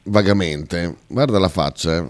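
A man's voice: deep voice, measured pace. A male radio host in casual, blunt, chatty talk who swears freely.

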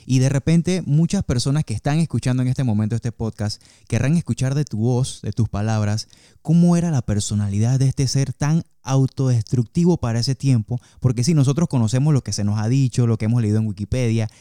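Male podcast host, former wrestler, dark smooth voice, fluent and explanatory. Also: mid-range voice, a little fast, no echo, studio quality. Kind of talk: conversational interview.

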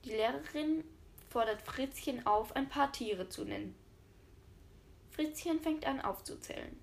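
High-voiced woman reading jokes slowly. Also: expressive, vocal fry. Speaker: joke reader.

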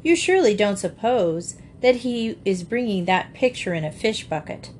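A prim, matter-of-fact young girl with a practical edge, as a woman reader puts her on. Her lines come in an even, sensible tone in this storybook reading. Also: mid-range voice, moderate pace, slight background noise, lightly acted.

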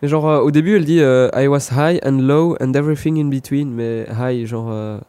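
Male co-host with a dark mellow tone, short casual replies, a bit skeptical. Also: mid-range voice, moderate pace, clear, resonant tone. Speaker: podcast co-host. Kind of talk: casual chat.

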